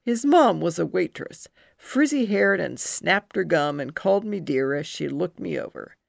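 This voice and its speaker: A middle-aged woman from New Jersey reads her own memoir aloud, slow and expressive, her voice jumping high at remembered feelings. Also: creaky, no echo, studio quality. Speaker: memoir narrator. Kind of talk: first-person memoir reading.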